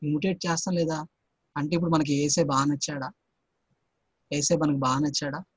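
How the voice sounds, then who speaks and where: A man's voice: a little high, little pitch movement, fairly quick, slightly rough, dry recording. A man teaching a Sunday school Bible lesson to children, constantly quizzing them with repeated questions.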